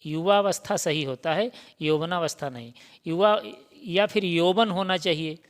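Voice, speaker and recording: Man, grammar teacher, slow deliberate delivery, repeats answers to drill them. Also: fairly high pitch. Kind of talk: exam-prep grammar lesson.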